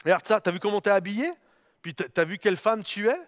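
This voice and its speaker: A preacher voicing a scornful bystander who mocks and belittles an outcast. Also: male voice, high voice, fast talker, no room sound, clean studio sound, close to an everyday voice. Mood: sneering. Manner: sneering, contemptuous. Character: scornful bystander man mocking a poor outcast.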